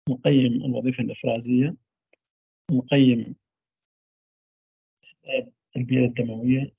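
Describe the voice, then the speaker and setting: A man giving a university radiology lecture, trailing off mid-phrase into drawn-out fillers. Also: medium pitch, vocal fry, breathy edge, dry recording. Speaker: medical lecturer. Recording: dull lo-fi dry recording.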